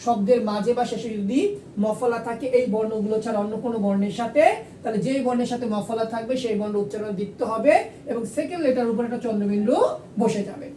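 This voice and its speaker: A woman's voice: fast talker, dark tone. A woman teacher explaining a lesson step by step, patiently repeating rules and asking and answering her own questions. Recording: echoey room, far from the mic, faint rumble.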